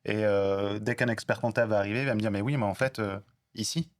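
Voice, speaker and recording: Man panelist, low and dry-sounding voice, steady explanations. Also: quick pace, dry recording. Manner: steady, explains with hypothetical examples. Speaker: panelist at a business talk.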